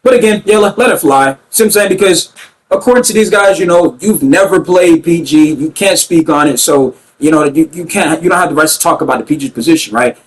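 A young man giving emphatic, ranting commentary on his own basketball video game play, repeating himself and getting loud at big plays. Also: a little high, a little fast, poor audio. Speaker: gaming YouTuber commentating his own gameplay.

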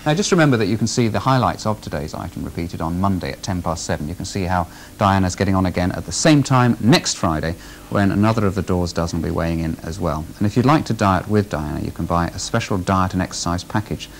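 Brisk male breakfast-TV host, lapel mic, faint tape hum. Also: sits low, vocal fry. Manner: brisk, jokey, steering the segment. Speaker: breakfast TV presenter. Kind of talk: live studio chat. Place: TV studio kitchen set. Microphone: radio lapel microphone.

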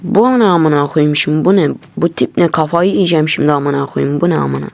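Gravelly, profane ranting young-sounding man. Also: a little high, fairly quick, no room sound. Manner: heavily profane, agitated ranting. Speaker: YouTuber. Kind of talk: angry casual rant to viewers. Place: at his computer.

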